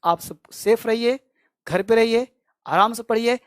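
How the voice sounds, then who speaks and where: A man teaching spoken English online, drilling phrases by repetition in a loud, emphatic way and ending with a fiery motivational pep talk. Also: very high voice, measured pace, dry recording, studio quality.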